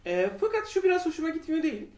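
Quick high-voiced man in an echoey room. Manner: animated, rambling with many fillers. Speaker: podcast co-host. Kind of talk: casual review chat. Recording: roomy echo, a bit far from the mic.

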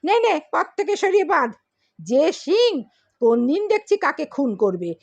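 A sneering older village priest, voiced by a woman reading aloud, who taunts in loud, shrill bursts. The voice sits fairly high and the sound is dry and close, like a storybook read at home. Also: very animated, measured pace, dry recording, heavily acted. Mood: scornful.

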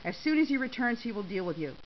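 A woman's voice: on the high side, very animated, fast talker. Woman doing a snappish male security officer. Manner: snappish, dismissive. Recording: slightly dull with faint hiss.

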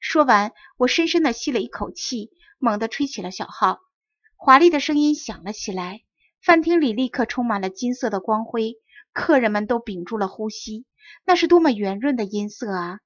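A woman reading a fairy tale aloud as an audiobook narrator, clear and expressive. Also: on the high side, moderate pace, dry recording. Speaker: audiobook reader. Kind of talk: storybook narration. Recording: dry dull close recording.

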